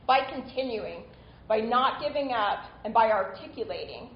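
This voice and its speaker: A woman instructor talks through a recorded online lecture, her voice sitting a little high. She keeps it conversational and breaks off now and then for small asides. The recording is roomy and slightly dull. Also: animated, normal speed.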